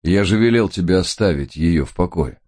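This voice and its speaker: A man reading as a cold, curt man in a noir audiobook, clipped and impatient. The voice is very low, quiet and husky. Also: expressive, normal speed. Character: cool-headed man tending his brother, curt.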